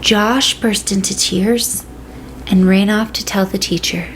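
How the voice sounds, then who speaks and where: A woman reading a children's picture book aloud, gentle and storytelling. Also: mid-range voice, steady tone, takes it slowly, a little hiss or hum, low-quality recording. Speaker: reader.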